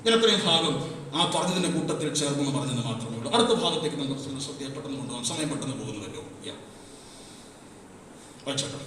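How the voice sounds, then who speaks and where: A man preaching a sermon as pastor, impassioned, swinging from hushed to shouting, recorded in a church hall. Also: medium pitch, lively intonation, fast talker. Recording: echoey hall, mic far off.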